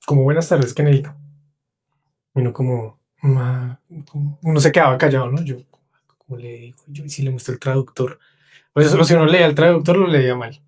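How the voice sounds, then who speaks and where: A young Colombian man with a Colombian Spanish accent, a podcast guest telling stories in casual chat, animated and acting out the voices of people he met. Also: medium pitch, brisk. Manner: animated, acts out quoted voices. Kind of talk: casual storytelling.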